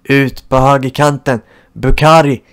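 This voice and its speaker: A man giving live commentary over his football video game, cheering his team and groaning at misses. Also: mid-range voice. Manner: excitable, shouts at goals, groans at misses. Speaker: gaming channel host.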